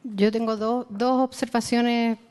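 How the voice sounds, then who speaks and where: A woman who manages public science, speaking in a committee session in a measured way. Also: on the high side, fairly even intonation, darkish tone, big-room sound. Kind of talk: committee discussion.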